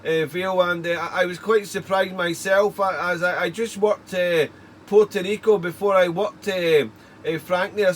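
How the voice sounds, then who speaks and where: A man working as an amateur radio operator chats casually with call signs, rambling in a stop-start way and repeating words. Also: sits high. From United Kingdom. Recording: faint steady background noise.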